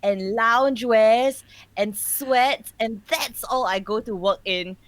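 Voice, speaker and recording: Female podcast co-host, Singaporean, relaxed Singlish chat, slightly high pitch, dry studio-close sound. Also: slow pace, no room sound. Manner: colloquial Singlish with sentence particles. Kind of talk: casual chat.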